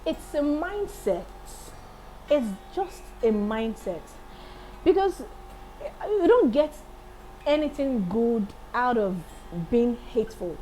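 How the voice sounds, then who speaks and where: Bubbly guest in her thirties: woman, slightly high, very animated pitch, faint hiss in the background. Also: slow, poor audio. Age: 30s. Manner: lively, laughs often, enthusiastic. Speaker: interview guest, singer and accountant. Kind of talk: casual interview chat.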